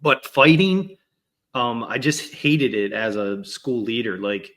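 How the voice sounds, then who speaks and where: Man, school leader, bright forceful voice, reflective casual talk. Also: mid-range voice, animated, takes it slowly. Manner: thoughtful, many fillers and restarts. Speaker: school leader and podcast co-host.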